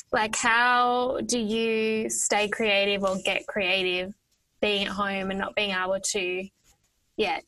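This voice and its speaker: A woman's voice: medium pitch, a bit bright, rough recording. A woman hosting a casual interview, asking questions in a friendly way with casual filler words. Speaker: interview host.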